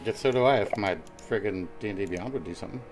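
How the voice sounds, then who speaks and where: A man's voice: on the low side, fast talker, over music. A man playing a tabletop game on a stream, swearing and laughing in disbelief. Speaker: player.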